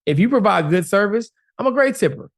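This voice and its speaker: A man's voice: sits high, lively intonation, brisk. A man co-hosting a podcast, talking emphatically and often asking "right?" as he makes his point. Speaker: podcast co-host. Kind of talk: casual podcast chat.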